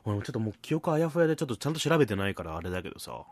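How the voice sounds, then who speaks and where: A man in his early thirties from Hakata, chatting on a podcast at a brisk clip. His pitch swings wildly as he teases and laughs. The sound is dry and close. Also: no room sound. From Hakata, Fukuoka. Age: early 30s. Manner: animated teasing with frequent laughs. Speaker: podcast co-host. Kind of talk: casual chat.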